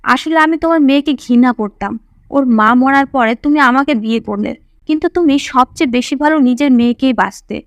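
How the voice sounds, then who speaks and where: A resentful stepmother confesses her scheme through tears, voiced by a woman. The voice is high and sits close and dry on the recording, as in an audio storybook. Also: no echo.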